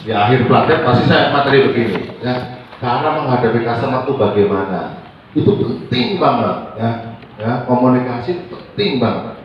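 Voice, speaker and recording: A man's voice: mid-range voice, normal speed, dull audio, slight background noise. A man who works as an AC technician and trainer, chatting casually and giving advice, acting out his talks with customers as he goes. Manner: animated storyteller, acts out customer dialogue. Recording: echoey room, mic far off.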